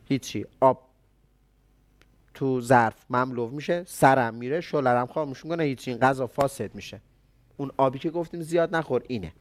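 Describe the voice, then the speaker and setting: A man giving an explanatory talk on traditional medicine, speaking conversationally and answering his own rhetorical questions. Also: medium pitch.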